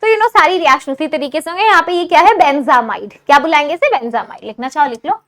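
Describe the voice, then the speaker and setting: Woman, high voice, chemistry teacher, online lecture, mixes Hindi and English, keeps asking if it's clear. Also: expressive, fast talker, fairly bright tone. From India. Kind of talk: online exam-prep lecture.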